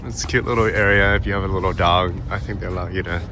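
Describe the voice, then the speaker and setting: A man casually talking through a travel vlog, relaxed and reflective, explaining things step by step. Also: deep voice, fast. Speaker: vlogger. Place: in a car on a road trip. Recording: steady vehicle noise.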